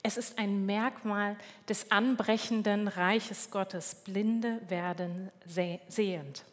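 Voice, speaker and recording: A woman preaches a sermon at an unhurried pace, calm and measured, stopping now and then to correct herself. Her voice rings out with the long reverb of a large church hall. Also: mid-range voice. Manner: calm, measured, with small slips and self-corrections.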